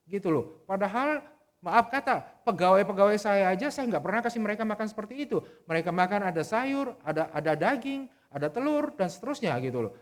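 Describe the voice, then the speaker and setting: A middle-aged man preaching a sermon, telling a personal story in an earnest, conversational way with frequent restarts. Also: sits high. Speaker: pastor. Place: church service.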